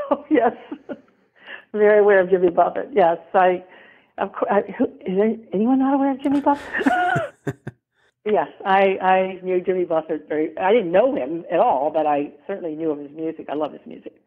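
A woman's voice: lowish voice, lively intonation, normal speed. A middle-aged woman, a former model, chatting as an interview guest, rambling and laughing often. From American South. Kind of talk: casual interview talk. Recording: tinny phone-line sound.

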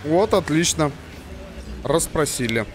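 A man's voice: fairly high pitch, lively intonation, takes it slowly, a faint crowd, slight background noise. A man casually commenting on his game playthrough, muttering to himself and swearing as he plays. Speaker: let's play commentator. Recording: game music over the voice.

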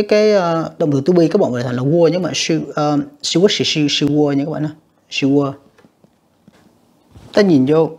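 A teacher, patiently explaining an English exam step by step and saying the English words slowly and carefully. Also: mid-range voice, darkish tone, breathy edge. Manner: patient, repetitive explaining with frequent tag particles. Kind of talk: exam review lesson.

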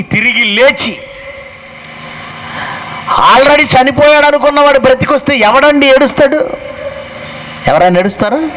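Pastor, male, high-pitched, emphatic sermon delivery, rhetorical questions, faint background noise. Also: a bit bright, rough recording. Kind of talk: live sermon.

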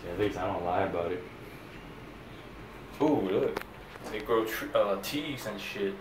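High above the mountains in a gondola cable car, a nervous man films a casual vlog on his handheld phone, swearing often, coaching himself through his fear of heights, and sometimes dropping to a hushed whisper. His voice is fairly low, expressive, and a little slow, with an echoey sound. Wind whistles and the car hums through the phone recording.

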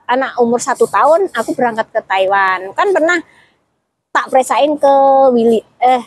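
A woman's voice: a little high, animated, moderate pace, slight background noise, poor audio. A woman, talking casually as an interview guest and retelling her story with quoted dialogue and many restarts. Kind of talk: casual chat.

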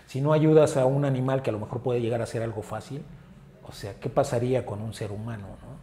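A man with a Mexican Spanish accent, an animal rescuer, talking earnestly in an interview and often pausing on filler words. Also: mid-range voice, warm tone. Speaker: animal rescue group founder. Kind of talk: casual interview talk. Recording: roomy echo with faint ambience.

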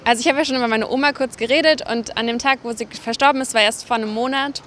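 Young woman, bright clear voice, gentle thoughtful answers on the street. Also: a little high, steady tone, fast talker, slight background noise. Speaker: passer-by. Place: city street outdoors.

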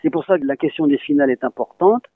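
A man's voice: on the high side, fast talker, dry recording. A man who teaches a regional language, patiently answering interview questions and spelling words out letter by letter. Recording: dry, phone-like lo-fi sound.

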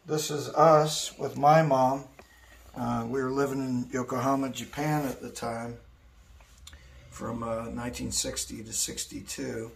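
A man's voice: mid-range voice, steady tone, measured pace, vocal fry. A man in his sixties, an artist showing his studio, telling stories in a rambling way full of fillers. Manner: rambling storyteller, many fillers. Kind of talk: casual guided tour. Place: indoor art studio. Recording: echoey room, distant mic, faint hiss.

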